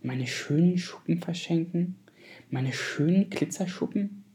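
A man's voice: on the high side, expressive, a little slow, dark tone. A man voicing a vain, proud male fish in a storybook reading, speaking in a haughty, dismissive way. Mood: plaintive.

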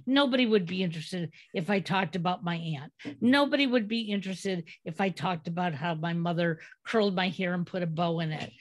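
A middle-aged woman hosts a podcast interview, speaking in a fairly low voice. She reminisces at length and tells family stories in a conversational way. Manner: reminiscing, telling family anecdotes. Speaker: podcast host.

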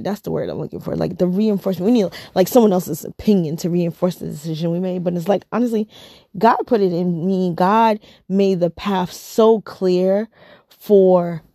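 A woman's voice: on the low side, moderate pace, mellow, no echo, clean studio sound. A woman in her thirties chatting casually to camera, rambling and repeating herself, tired and yawning. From United States. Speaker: vlogger.

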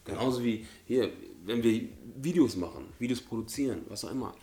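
A man's voice: mid-range voice, brisk, warm tone. A man in a casual motivational podcast chat, speaking emphatically and repeating his key phrases. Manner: emphatic, repeats phrases, often murmurs agreement. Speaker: podcast co-host.

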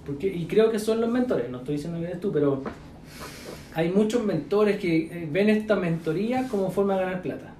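A man's voice: sits high, fairly quick, slight background noise. Chilean man mentoring, echoey room. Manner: animated, coaching, lots of slang and fillers. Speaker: business mentor. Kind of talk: casual mentoring chat.

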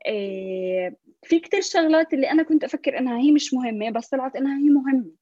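A woman's voice: high-pitched, rapid-fire, warm tone, no room sound, lo-fi sound. A young woman with a Levantine Arabic accent talking as a podcast guest, mixing in English words and often restarting her phrases. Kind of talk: conversational interview with English loanwords.

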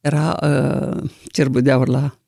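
An older woman with a deep, low singer's voice that carries a gravelly edge. She tells her stories in a lively, expressive way. The sound is dry and close. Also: no room sound. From Romania. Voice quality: low, deep singing-trained voice. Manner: lively, expressive anecdotal storytelling. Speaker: interviewee, singer. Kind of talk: storytelling in an interview.

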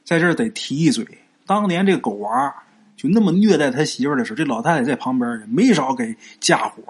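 A man's voice: mid-range voice, expressive, slightly rough. A man narrating a serialized ghost story in a chatty way, asking and answering his own questions and stretching out particles at the ends of phrases. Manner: frequent drawn-out particles like 啊 and 呀.

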